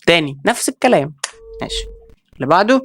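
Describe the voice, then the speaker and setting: A man with an Egyptian accent giving excitable let's-play commentary, reacting with quick exclamations and talking straight to his viewers. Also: fairly high pitch, slight background noise. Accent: Egyptian Arabic. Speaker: gaming video creator.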